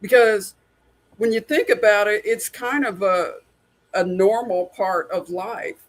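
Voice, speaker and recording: A man's voice: high voice, unhurried. A man in his sixties hosting a casual podcast conversation, speaking in an earnest, openly personal way. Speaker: podcast host.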